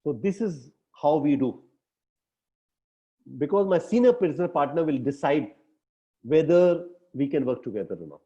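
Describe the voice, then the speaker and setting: A man's voice: fairly high pitch, expressive, moderate pace, pauses often, warm tone. A man with an Indian English accent coaching his team in an emphatic way, often ending with tag questions. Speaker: business coach. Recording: dull lo-fi recording.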